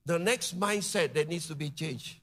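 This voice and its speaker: A man preaching a charismatic sermon to his congregation, building to emphatic shouts and dropping into chatty asides. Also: on the high side, normal speed. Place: church service.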